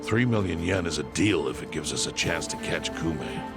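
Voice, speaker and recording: In an English video game dub, an actor voices a calm, calculating older chairman, gravelly and measured, laying things out with dry bluntness. His rumbling low voice is heavily acted over loud music, with a mood of calm persuasion.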